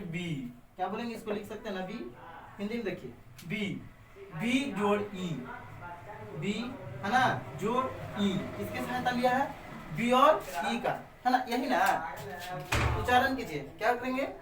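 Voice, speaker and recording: Teacher in an echoey room. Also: male voice, sits high. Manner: repetitive, asks and answers his own questions with frequent "है ना". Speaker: teacher running his own channel. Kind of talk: grammar lesson to camera. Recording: echoey room, far from the mic.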